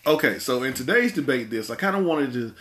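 A man's voice: medium pitch, animated, a little fast, a bit bright. A man hosting a casual movie podcast, rambling and repeating his words as he talks. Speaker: podcast host. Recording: echoey room.

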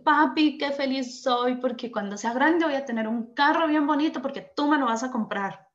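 A woman's voice: high voice, moderate pace, highs cut off, close to an everyday voice. A woman voicing a little boy who pleads with his father for a car, whining at times, gushing thanks at others. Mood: grateful. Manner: whiny pleading, then sweetly grateful.

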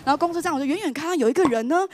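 Fast, animated woman. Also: high-pitched, noisy background. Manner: animated, exclamatory. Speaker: vlogger telling a personal story. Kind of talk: lively storytelling. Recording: voice over loud background music. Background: background music.

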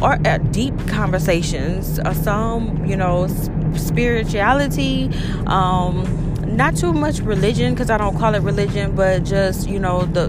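A woman in her late twenties from Baton Rouge, hosting her own podcast in a loose, rambling chat full of "you know" and "um". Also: medium pitch. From Louisiana, Baton Rouge. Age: 20s. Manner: chatty, rambling, many fillers like "you know" and "um". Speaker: podcast host. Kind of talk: casual solo podcast chat.

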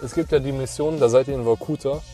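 A man's voice: medium pitch, fairly even intonation, fast, mellow, soft background music. A young man co-hosting a podcast, chatting casually with slang and eager talk about games. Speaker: podcast co-host. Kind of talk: casual chat.

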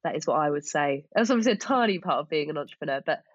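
Woman, Essex accent, deep pitch, informal podcast guest chat, self-deprecating, slightly dull dry recording. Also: animated, racing, breathy edge, dry recording. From Essex, England. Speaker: podcast guest, small business owner. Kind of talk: casual interview chat.

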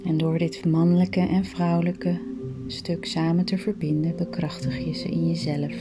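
A woman guiding a meditation in a soft, soothing voice that often drops to a breathy whisper. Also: lowish voice, flat delivery, moderate pace, loud music behind the voice. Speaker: meditation guide. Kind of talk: guided meditation.

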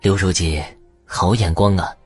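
A man's voice: sits low, steady tone, measured pace, slightly rough, no echo, faint music behind, voice pushed down. A man playing a fawning middle-aged museum director in an audio story, speaking in an ingratiating way.

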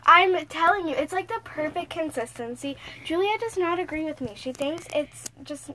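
A woman's voice: high voice, expressive, normal speed, bright, forceful tone, slight background noise, poor audio. A teenage girl co-hosting a podcast, chatty, giggly and teasing, recorded inside a small closet full of clothes. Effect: recorded inside a small clothes-stuffed closet. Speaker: podcast co-host. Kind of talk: casual chat.

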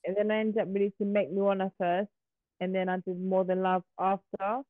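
Heard over a tinny video call line, this Ugandan musician speaks with a British accent in a relaxed interview. Her mid-range voice is flat in delivery and fairly quick, and the recording is dry. She's candid and laughs easily.

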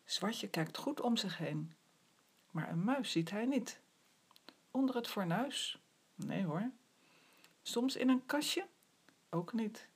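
A woman reading a children's story aloud in an expressive storybook manner. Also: mid-range voice, breathy edge. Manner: expressive, slow storybook delivery. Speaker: reader.

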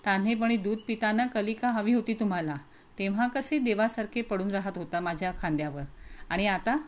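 A woman voicing a palace maidservant who speaks to a young prince in a gentle, coaxing and hushed way. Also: medium pitch, brisk, natural voice. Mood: fond. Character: fond palace maidservant, warm and fearful.

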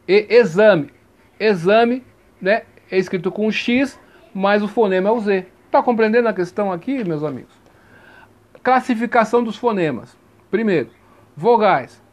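A man teaching grammar in an informal lesson, chatty and given to checking that listeners follow, spelling sounds out slowly. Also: high voice. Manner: chatty, repeats 'tá compreendendo?' often; spells out sounds slowly, stressing each vowel.

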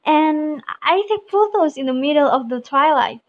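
A woman's voice: sits high, animated, normal speed. A young woman with an Indonesian accent playing an eager friend in a recited English dialogue about plans with friends, speaking carefully. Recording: muffled lo-fi recording.

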